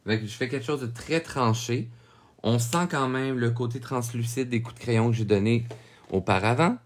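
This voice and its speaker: A man with a Québécois French accent narrating a drawing tutorial, calmly explaining each step and often checking in with viewers. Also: medium pitch, normal speed. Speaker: drawing instructor.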